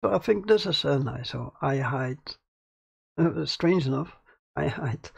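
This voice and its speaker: An expressive man with a mid-range voice speaks at a measured pace, no echo behind him, while hosting a casual screen-recorded tutorial from a small home studio. The voice is crackly and gravelly, and his hesitant talk is littered with fillers and restarts; the studio mic sits about ten centimeters from him.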